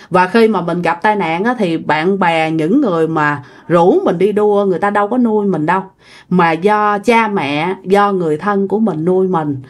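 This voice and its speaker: Woman storyteller, casual and chatty, mid-range voice. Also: medium pitch. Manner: chatty, addresses listeners directly. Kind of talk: casual ghost-story narration.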